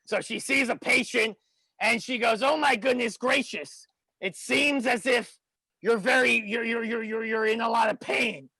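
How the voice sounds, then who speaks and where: Guy doing a tipsy sleazy wrestler guy, gravelly and husky, rambling crude stuff. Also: extremely high pitch, a little slow, pushed and bright, dry recording, exaggerated voice, low-quality recording. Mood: boastful rambling. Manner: rowdy, crude, rambling and stammering. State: tipsy from shots. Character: crude drunken sleazy male wrestler persona.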